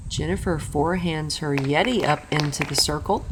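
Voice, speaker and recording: A woman's voice: deep voice, normal speed, noisy background. A woman commentating on a disc golf tournament in a golf commentator's style, describing play over footage. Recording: music behind the voice. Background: background music.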